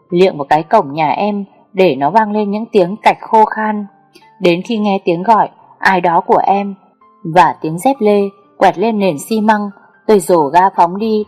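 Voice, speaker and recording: A woman narrating a first-person story, reading slowly with a melancholy tone. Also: medium pitch, a little mellow.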